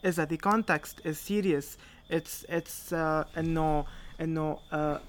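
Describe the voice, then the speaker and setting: A woman's voice: low voice, fairly even intonation, unhurried. A young Lebanese woman talking casually, dropping English words and phrases into Arabic sentences. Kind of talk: casual discussion.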